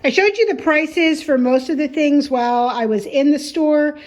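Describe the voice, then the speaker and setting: A woman chatting casually in a home vlog, talking through her cooking and shopping in a relaxed, rambling way with frequent ums. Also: high voice, moderate pace, low-quality recording. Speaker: vlogger. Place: home kitchen.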